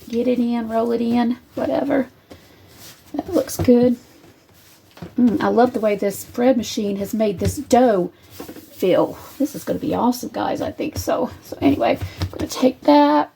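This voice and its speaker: A woman's voice: on the high side, a little slow, creaky, mellow, slight background noise. Chatty woman cooking at home. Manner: rambling, chatty, addresses viewers as y'all. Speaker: home cook, channel host. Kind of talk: casual cooking demonstration. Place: home kitchen.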